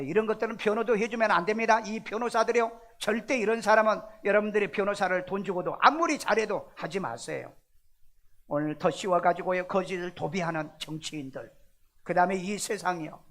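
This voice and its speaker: A man's voice: high voice, a bit bright. A male pastor preaching a sermon in a church, emphatic and full of rhetorical questions. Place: church sanctuary.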